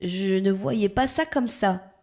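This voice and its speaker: A woman's voice: medium pitch, slow, a little mellow. A woman voicing an eager, talkative young female frog in a children's story. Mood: puzzled.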